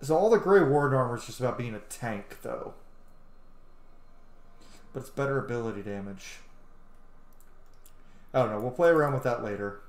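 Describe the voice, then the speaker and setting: Playing through a roleplaying game in a room at home, this thirty-something streamer comments casually, roleplaying as he goes. He speaks at medium pitch, animated and at a normal speed but with long pauses, over faint game music in a roomy space.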